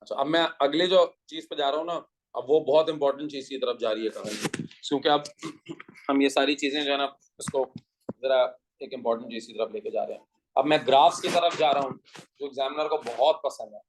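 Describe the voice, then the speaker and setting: A man's voice: medium pitch, fairly quick, noisy background. A male teacher giving a classroom physics lecture, explaining patiently, asking rhetorical questions and mixing Hindi with English terms.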